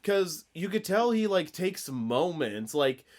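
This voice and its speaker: A man's voice: on the high side, sing-song, slow pace. A man co-hosting a casual podcast, chatty, laughing often and filling his talk with "like". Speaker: podcast co-host. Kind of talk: casual chat.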